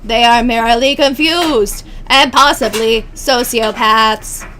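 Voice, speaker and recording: A woman's voice: a little high, pushed and bright, a little hiss or hum. A woman voicing a prim, formal male robot student in a game playthrough, rubbing her throat so her voice warbles like a cyborg. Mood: earnest. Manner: stiff, formal, measured diction.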